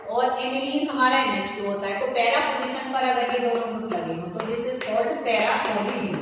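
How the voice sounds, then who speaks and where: A woman chemistry teacher giving a lecture, explaining step by step and checking in her students. She speaks in. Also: sits high. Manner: explains step by step, checks in with frequent "okay" and "see, dear". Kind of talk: classroom lecture. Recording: echoey room with long reverb, faint noise.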